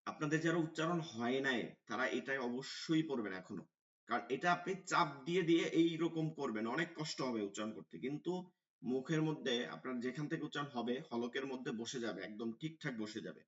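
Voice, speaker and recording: A man leads an online Quran pronunciation class, repeating syllables slowly and pausing to check that his students follow. His voice sits at a middle pitch. He is heard from a distance through dull, muffled audio. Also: lively intonation, fairly bright tone. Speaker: Quran teacher.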